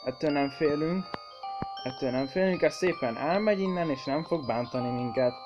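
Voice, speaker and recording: A man's voice: fairly high pitch, lo-fi sound, over music. Jumpy, foul-mouthed gamer guy. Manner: swearing, jumpy, shrieks when startled; talks to viewers as kids. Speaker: gaming channel host. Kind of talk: horror game let's play commentary.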